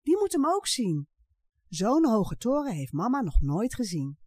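An eager little boy from a children's storybook, bursting with excitement and quick to flare up, as a woman reads him aloud. His voice sits high and swoops lively up and down, with a close, dry sound. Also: breathy edge, dry recording, full character voice. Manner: excited, loud exclaiming.

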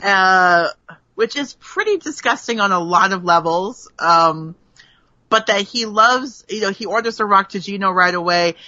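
A woman's voice: mid-range voice, a little slow, dry recording. A woman hosting a podcast, recapping an episode in a casual chat and laughing often as she tells it. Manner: laughs often, animated storytelling. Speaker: podcast host. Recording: slightly muffled dry recording.

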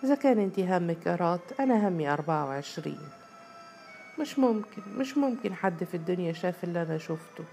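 Troubled young Egyptian student girl, earnest, pleading, low voice, woman reading her in a storybook, soft music behind. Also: expressive, fast, vocal fry. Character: distressed young female student confiding a secret.

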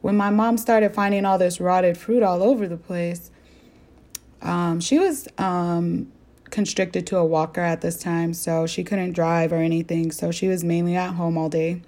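A young woman from the American Southwest hosts a faith-based podcast, earnestly telling a story and putting direct questions to her listeners in a reflective talk. Her voice is on the low side, steady and darkish, at a measured pace.

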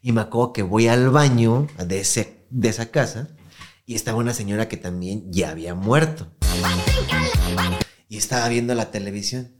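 A man's voice: lowish voice, normal speed, soft background music. A young Mexican man hosting a podcast, telling a story in slangy casual chat and acting out the voices he quotes. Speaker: podcast host.

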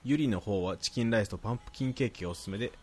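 A man with a Nagoya accent, a podcast co-host reading listener mail aloud in a calm, even voice and chatting casually. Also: fairly low pitch, racing, slightly rough. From Nagoya, Japan.

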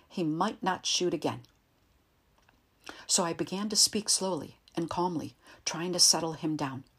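A woman reading an audiobook in a calm, measured way, sometimes dropping to a soft whisper. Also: fairly low pitch, breathy edge. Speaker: narrator. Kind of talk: audiobook narration.

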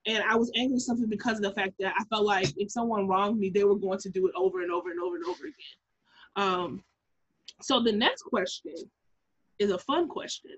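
A young woman co-hosting a podcast in casual chat, animated and laughing, often jumping into high-pitched impressions. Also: fairly quick, breathy edge. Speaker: podcast co-host. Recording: muffled lo-fi audio.

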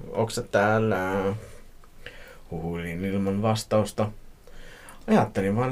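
A podcast host reading a listener's horror story aloud, playful and joking between passages. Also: male voice, on the low side, a little mellow. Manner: playful, laughs at his own reading.

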